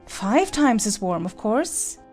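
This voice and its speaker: A woman playing an imperious, snappish Red Queen in a dramatized storybook, brisk, bossy and quick to contradict. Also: a little high, very animated, a little mellow, faint music behind. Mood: haughty, bossy. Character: imperious, snappish Red Queen, a haughty chess-piece monarch. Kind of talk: dramatized audiobook acting.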